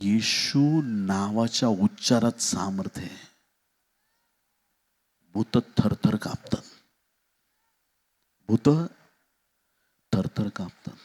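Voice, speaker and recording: A man preaching a sermon as pastor, dramatic, with sudden shouts and acted quotes. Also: lowish voice.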